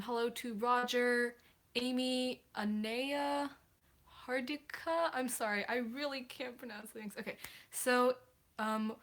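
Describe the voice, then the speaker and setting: A teenage girl with a slightly high, somewhat bright voice hosts a casual livestream. She answers viewer questions chattily and apologetically, with many hesitations.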